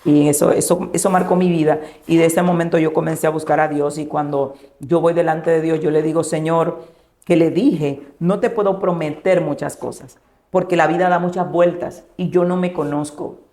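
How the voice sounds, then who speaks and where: A woman pastor, giving an emotional personal testimony and softly acting out the dialogue she recounts. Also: low voice, fairly even intonation, moderate pace. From Dominican Republic. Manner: storytelling, acting out quoted dialogue in a hushed voice.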